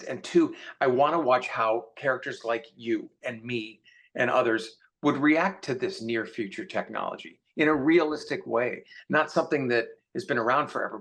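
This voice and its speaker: A science fiction author appears as a guest in a relaxed panel conversation, thinking out loud and repeating points for emphasis. He speaks with a medium-pitched, fairly bright voice.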